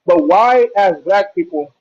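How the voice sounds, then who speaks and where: Man with a muffled, bass-heavy voice. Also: animated, unhurried, darkish tone. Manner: slangy and conversational, pleading his point. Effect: muffled, bass-heavy, underwater-like sound. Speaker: caller in a live audio chat. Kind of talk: casual argumentative chat. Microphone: headphone mic. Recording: muffled lo-fi headphone mic.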